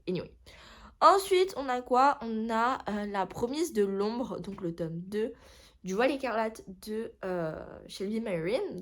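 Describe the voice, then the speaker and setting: A woman's voice: mid-range voice, a bit bright. A young woman talking casually about books in a vlog, rambling, chatty and often correcting herself. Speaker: book vlogger. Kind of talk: casual chat.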